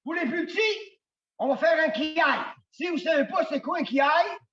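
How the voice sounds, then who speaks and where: A man's voice: very high voice, expressive, moderate pace, fairly bright tone. A man with a Québécois French accent teaching a karate class, calling counts in Japanese and explaining between drills. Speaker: karate instructor. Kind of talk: shouted martial arts class instruction. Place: large dojo hall. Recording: echoey hall, from far off, dull.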